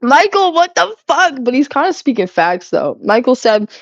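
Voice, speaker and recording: A young adult woman with a high, very animated voice speaks at normal speed while cleaning on stream. She chats casually with viewers, giggling and swearing often. The recording is dry, slightly muffled, and free of room sound.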